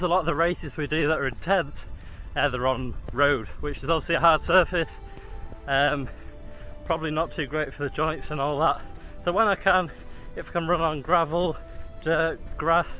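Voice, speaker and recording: A man speaks casually to his viewers while running outside, his slightly high voice bright and forceful. The recording is low quality.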